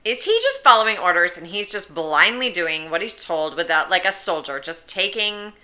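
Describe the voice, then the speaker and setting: A woman co-hosting a podcast in casual chat, excitable and full of jokes and rhetorical questions. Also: fairly low pitch, moderate pace. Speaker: podcast co-host.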